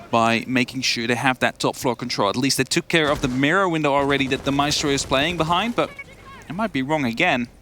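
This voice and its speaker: A man's voice: medium pitch, bright, forceful tone, slight background noise. A man working as an esports caster, giving conversational, opinionated live commentary and analysis.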